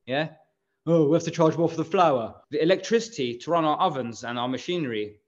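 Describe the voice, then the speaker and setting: A man's voice: a little high, a little fast. A man in his thirties, guest on an interview over a video call, talking in a rambling, chatty way with frequent restarts and laughs. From England. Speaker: bakery managing director, guest. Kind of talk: casual interview chat. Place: room at home. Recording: slightly dull video call audio.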